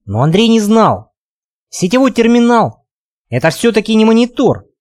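A man narrating an audiobook in an expressive storytelling manner. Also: high-pitched, moderate pace, no room sound, studio quality. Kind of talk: scripted narration.

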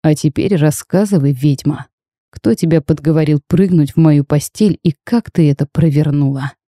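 Audiobook: woman reading a cold, threatening dragon bridegroom, curt and harsh, in a dark mellow low voice, dry close sound. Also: normal speed, no echo, close to an everyday voice. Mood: gruff stern. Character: stern young male dragon groom, cold and threatening.

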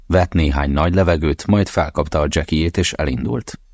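Very deep-voiced male audiobook narrator. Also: a little mellow, no room sound, studio quality. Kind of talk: scripted narration.

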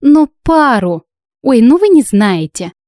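A woman plays a brash young heroine who puts on a show. She talks loud and high with a mellow tone and a mock-innocent edge. The audiobook sound is dry and close. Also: big pitch swings, takes it slowly, no echo, full character voice. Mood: theatrically sweet.

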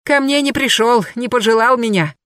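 A woman voicing a hysterical, jealous woman swinging a hoe, her lines frantic and shrill, in an audiobook. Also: normal speed, a bit bright, no room sound, clean studio sound, close to an everyday voice. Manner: frantic, shrill, hurled outbursts.

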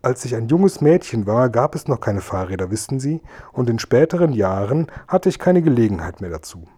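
A man voicing a chatty, indignant old grandmother, with a high, fluttering, raised voice. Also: sing-song, fairly quick, warm tone, breathy edge.

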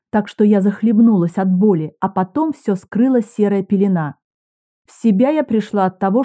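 A woman reads a detective story aloud in the first person, with measured pacing and a dry, wry edge. Her voice is mellow and warm rather than bright. It sounds like steady, scripted audiobook narration. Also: medium pitch.

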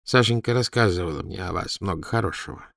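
A man's voice: low voice, quick pace, gravelly, fairly bright tone, no echo, studio quality. A man voicing a smug, self-satisfied male chief doctor who talks proudly. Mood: hushed. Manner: proud, gloating.

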